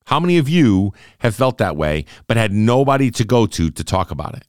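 Low-voiced guy in his 40s doing a solo podcast, earnest and chatty, dry close mic. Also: very animated, a little fast, a little mellow, dry recording. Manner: earnest, conversational, repeats phrases and asks "right?". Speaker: podcast host.

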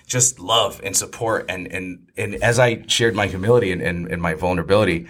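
A man's voice: deep voice, fairly even intonation, a little fast, a bit bright. A man and life coach in casual conversation, speaking emotionally, swearing often and repeating words.

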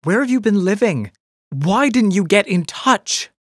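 A blunt, tipsy woman, as a male storyteller puts her on, firing off sharp, exasperated questions in a lifted voice. The audiobook reading is close and dry, with no room around it. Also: on the high side, very animated, moderate pace, no room sound, voice pushed up.

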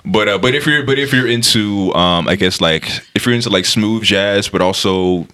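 A man's voice: lowish voice, moderate pace, sharp tone. A man chatting casually as a podcast panelist, rambling and repeating his phrases as he goes. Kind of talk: casual chat.

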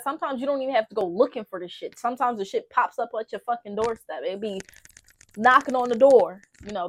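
A woman hosting a podcast, giving blunt, profane relationship advice in a casual, emphatic way, speaking. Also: a little high. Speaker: podcast host. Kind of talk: candid relationship talk.

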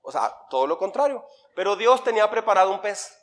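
A middle-aged Mexican pastor with a fairly high voice teaches scripture to his church in a conversational way. He tosses questions to the congregation and fills in the answers himself. His delivery swings between loud emphatic lines and soft asides. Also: sing-song, a little fast. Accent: Mexican Spanish. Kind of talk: interactive Bible teaching sermon.

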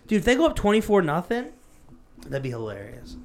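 A man's voice: high-pitched, wildly swooping pitch, fairly quick, a little mellow. A man co-hosting a casual podcast, teasing his friend and firing back skeptical banter. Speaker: podcast co-host. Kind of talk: casual chat.

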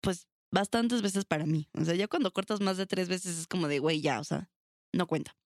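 A woman's voice: on the low side, normal speed, no room sound, studio quality. Blunt, foul-mouthed young Mexican woman. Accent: Mexican Spanish. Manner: blunt, swears freely, animated storytelling. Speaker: podcast co-host. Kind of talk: casual chat.

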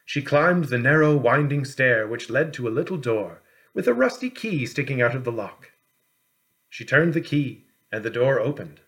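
A man reads a storybook aloud as an audiobook narrator. His mid-range voice carries a measured, expressive storytelling style.

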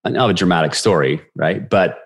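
A man in his forties, a podcast guest, telling a personal story with animated energy and acting out the voices of people in it. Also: low-pitched, gravelly, husky. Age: 40s. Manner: animated, quick storyteller who acts out quoted dialogue.

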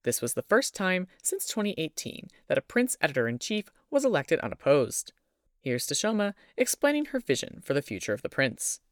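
A young man hosting a student news podcast, reading a scripted narration in a lively announcer style. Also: on the high side, moderate pace, no room sound, clean studio sound. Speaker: podcast host.

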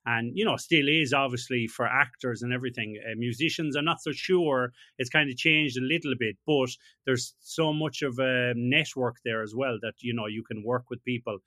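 A man's voice: mid-range voice, steady tone, moderate pace, hardly any pauses, bright, forceful tone, dry recording, studio quality. A man hosting a casual interview, thinking aloud and ending points with tag questions. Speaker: podcast host.

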